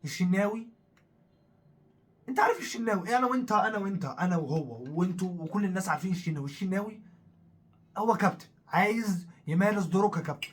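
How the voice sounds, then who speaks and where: A man with an Egyptian Arabic accent, co-hosting a casual football talk show, animated and full of fillers as he goes over the story. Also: high-pitched, fast, breathy edge. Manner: animated, repetitive, thinks aloud with many fillers. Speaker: co-host of a football talk channel.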